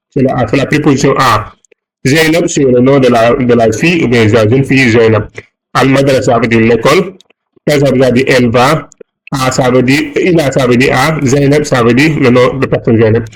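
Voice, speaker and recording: A man's voice: mid-range voice, husky, poor audio. A man from Senegal teaching an online lesson, patiently repeating and rephrasing each point as he explains the exercises. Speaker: Arabic teacher.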